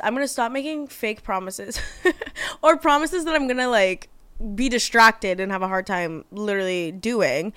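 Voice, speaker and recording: A bubbly young woman chats on her podcast, gushing and swearing freely. Her voice is smooth and clear, recorded close and dry with no room sound. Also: medium pitch, a bit bright, no room sound. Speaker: podcast host. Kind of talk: casual chat.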